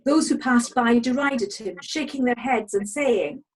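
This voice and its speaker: A woman with a husky voice, narrating a scripted dramatic scripture reading over a video call. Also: fairly high pitch, unhurried, low-quality recording. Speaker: narrator in a congregation's Passion reading.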